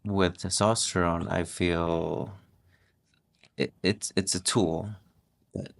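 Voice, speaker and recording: On this casual podcast interview, the guest is the host's husband, a middle-aged man whose voice is deep, gravelly and monotone. His manner is laid-back yet halting, full of restarts.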